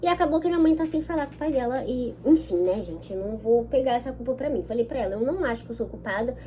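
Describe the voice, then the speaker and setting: A woman's voice: fairly high pitch, dark tone, slight background noise. A young woman with a Brazilian Portuguese accent, telling a personal story to her viewers in a chatty vlog, often checking in with them. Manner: chatty, keeps checking in with listeners. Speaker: vlogger.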